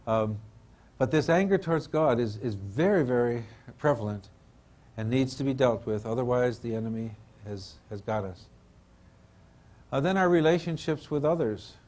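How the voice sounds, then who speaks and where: An older man speaks as a lecturer teaching a class about faith. His delivery is informal and rambling, like a professor thinking aloud, with asides and phrases he repeats as he searches for the next one. His voice sits at a medium pitch. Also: lively intonation, moderate pace, a little mellow. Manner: rambling, professorial, with trailing asides and hesitant repetitions.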